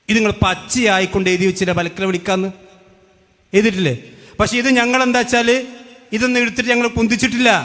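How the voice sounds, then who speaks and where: A man's voice: very high-pitched, bright, forceful tone, big-room sound. A man giving a combative religious rebuttal, firing rhetorical questions. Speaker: religious debate speaker. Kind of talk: polemical religious rebuttal talk.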